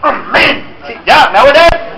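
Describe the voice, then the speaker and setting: Male pastor, very high voice, bright tone, emphatic preaching, call-and-response. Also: expressive, normal speed, vocal fry, low-quality recording. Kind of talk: sermon.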